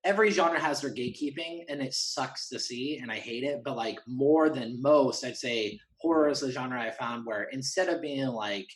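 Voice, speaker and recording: A horror fan and writer chats casually as an interview guest, rambling with enthusiasm and acting out small imagined exchanges. His voice is medium-pitched at a moderate pace with hardly any pauses, and the audio is poor.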